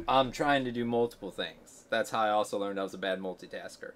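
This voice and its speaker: A man's voice: fairly low pitch, a little fast, a bit bright, a little hiss or hum. A man chatting casually on a podcast, often laughing and poking fun at himself. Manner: laughs often, self-deprecating. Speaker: podcast co-host.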